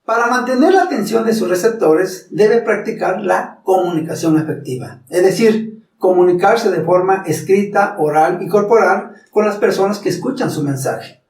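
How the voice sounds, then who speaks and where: A man teaching public speaking, talking formally to the viewer and slowly demonstrating pronunciation. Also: high voice, animated, a little mellow, echoey room, distant mic, a little hiss or hum, low-quality recording. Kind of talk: instructional talk.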